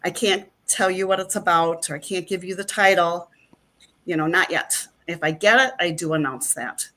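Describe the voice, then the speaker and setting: Speaking at a moderate pace, this middle-aged actress has a lowish, sharp-toned voice. She's a guest in a casual interview chat, rambling and using lots of filler words.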